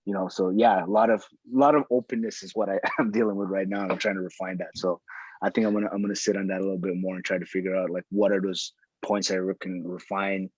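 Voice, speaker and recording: Husky low-voiced man, casual and searching, circles his own phrases; dull lo-fi sound. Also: little pitch movement, quick pace, darkish tone, dry recording. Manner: thinking aloud, circling back on phrases. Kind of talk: casual conversation.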